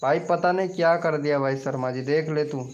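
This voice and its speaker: A man hosts a casual live stream, bantering and teasing his viewers in a rather high voice. He keeps up a steady, chatty flow. The audio is dull and lo-fi. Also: normal speed.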